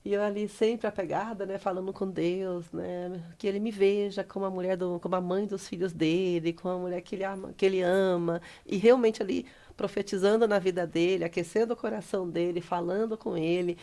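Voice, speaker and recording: A woman's voice: medium pitch, steady tone, a little fast, few pauses, mellow. Heartfelt Brazilian woman telling her story. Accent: Brazilian Portuguese. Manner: heartfelt, re-enacts dialogue, breaks into laughter. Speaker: guest, writer and speaker. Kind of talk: emotional personal storytelling in a podcast interview.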